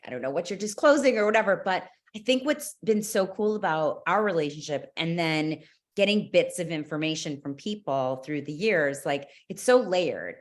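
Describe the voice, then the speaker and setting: Gushing woman guest with lowish voice. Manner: effusive, exclaiming, many restarts. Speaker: guest, former client and mother. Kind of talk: casual podcast chat.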